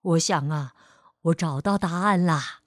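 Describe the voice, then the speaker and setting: Woman doing a deep, tender storybook dad. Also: unhurried, dry recording, studio quality. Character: warm, calm storybook father.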